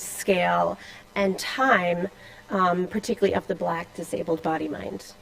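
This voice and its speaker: Woman with a gravelly edge giving an academic talk. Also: mid-range voice, rough recording. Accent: Boston. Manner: scholarly, reading a paper with asides and fillers. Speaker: conference speaker. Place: lecture room with slides.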